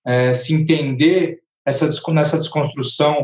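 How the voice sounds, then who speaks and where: A man's voice: a little high, fairly even intonation, normal speed, a little mellow. A man, a rapper and composer, talking thoughtfully in a casual panel conversation, often restarting his phrases. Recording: echoey, muffled online call audio.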